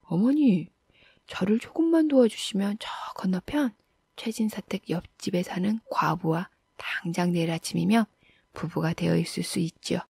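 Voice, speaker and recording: Young bachelor in a folktale, sly, eager, wheedling; husky woman playing the part. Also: lowish voice, moderate pace, darkish tone, no room sound, studio quality, exaggerated voice. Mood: coaxing.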